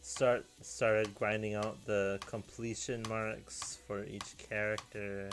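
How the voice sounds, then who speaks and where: A young man chatting casually to camera in a deadpan, rambling way, often restarting his sentences. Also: fairly low pitch, takes it slowly. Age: young adult. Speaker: video creator. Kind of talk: casual solo chat.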